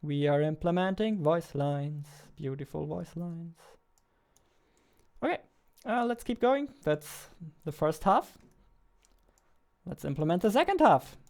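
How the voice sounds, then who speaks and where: In his twenties, this game developer livestreams from an indoor computer desk, talking casually as he works and muttering phrases to himself again and again. His slightly high voice is expressive and darkish, moving at a slow pace with long pauses. Behind him are keyboard typing and mouse clicks.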